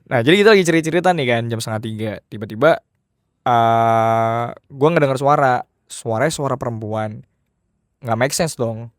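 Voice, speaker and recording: A man's voice: mid-range voice, normal speed, no echo, clean studio sound. A man telling a horror story in a casual podcast chat.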